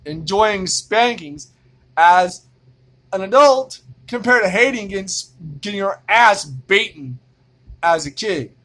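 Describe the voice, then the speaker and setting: A man's voice: high-pitched, animated, takes it slowly, bright, forceful tone. A man from Indiana ranting in a vlog monologue, exasperated and profane, repeating himself as he goes. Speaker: vlogger.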